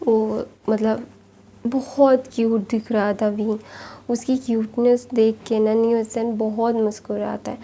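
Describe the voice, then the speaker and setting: A woman's voice: a little high, level tone, unhurried, mellow, a little hiss or hum. A woman casually retelling a fan fiction story in a chatty way, full of small fillers. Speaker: story narrator.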